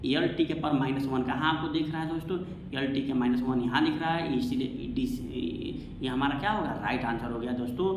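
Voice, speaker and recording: A man with a medium-pitched, brisk voice teaches an exam-prep science lesson, repeating himself and posing questions he then answers. The room is echoey, with faint background noise.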